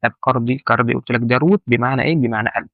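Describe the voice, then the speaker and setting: Through narrow, tinny audio without room sound, a medium-pitched instructor with an Egyptian Arabic accent hurries through a casual medical terminology lesson. He repeats the main points and asks the listener questions.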